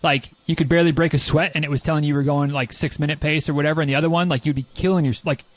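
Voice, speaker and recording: Brief: American male podcast host, slightly high voice, very quick, rambling casual delivery. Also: steady tone. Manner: rambling, jokey, repeats himself.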